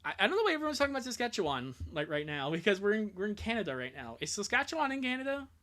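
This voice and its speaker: A streamer with a mid-range voice chats casually during a live reading, joking, giggling, and often breaking off mid-thought. The delivery is very animated, racing, pushed, and bright.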